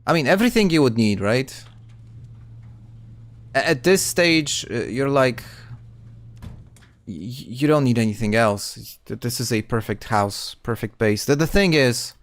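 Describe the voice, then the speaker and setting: A man's voice: medium pitch, expressive, unhurried, pauses often. A man casually commenting on his gameplay stream, chatting with viewers and often restarting words.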